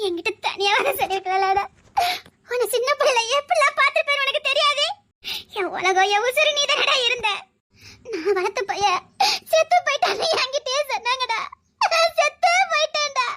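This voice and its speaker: Woman playing a sobbing, very high-voiced reunited aunt. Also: moderate pace, sharp tone, a little hiss or hum. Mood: crying reproach. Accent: Tirunelveli Tamil. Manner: sobbing, pleading, half laughing through tears. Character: tearful woman reunited with a lost boy she raised. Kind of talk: Tamil web drama acting.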